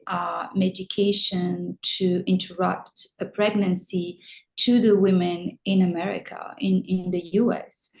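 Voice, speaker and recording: A middle-aged woman from Morocco, a film director answering interview questions with many pauses and restarts. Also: lowish voice, darkish tone, poor audio. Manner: hesitant, many ums and restarts.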